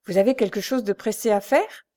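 A woman reading aloud and voicing an anxious, excitable old male servant, raised in pitch and loud. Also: brisk, natural voice. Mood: eager. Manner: excitable, pressing questions.

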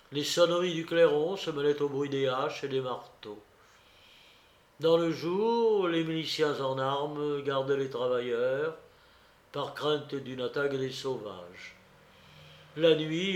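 A man reading a classic novel aloud, slow and deliberate, with an occasional hesitation. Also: fairly high pitch. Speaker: reader. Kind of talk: audiobook narration of a classic novel. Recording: roomy echo.

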